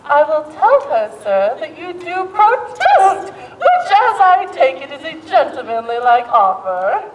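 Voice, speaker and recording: A woman's voice: high voice, huge pitch swings, a little slow, crowd noise, exaggerated voice. A woman playing a garrulous, bawdy old nurse in a Shakespeare play, teasing and complaining with dramatic groans. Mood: giggly, coy. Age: older. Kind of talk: Shakespearean stage acting. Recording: echoey hall stage recording, background noise.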